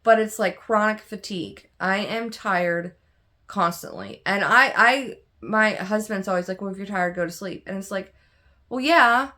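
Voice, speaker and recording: A woman's voice: medium pitch, a little slow, pushed and bright. A young adult woman chatting casually and candidly to camera as a craft vlogger, tired and yawning, rambling with many fillers and restarts. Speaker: cross stitch vlogger.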